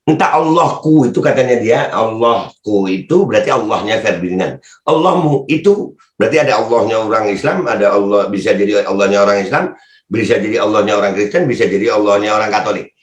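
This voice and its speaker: A man giving casual, mocking commentary while he reads out comments. His voice leaps up high when he teases, and he laughs often. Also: fairly quick, echoey room. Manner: mocking, laughs often, pitch jumps up sharply. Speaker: political commentary vlogger reading comments. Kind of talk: casual Jakarta-slang commentary.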